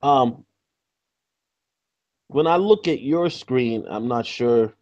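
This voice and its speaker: A man hosting a casual live-stream interview over a video call, his audio choppy and lo-fi from a bad connection, talking in a halting way with many fillers. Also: mid-range voice, lively intonation, darkish tone, no echo. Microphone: video call from a backup laptop.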